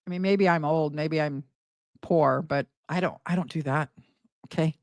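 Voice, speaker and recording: A woman's voice: low voice, normal speed, darkish tone, no room sound. A middle-aged woman hosting reaction commentary, sarcastic and scoffing as she argues back at a clip. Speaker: commentary channel host.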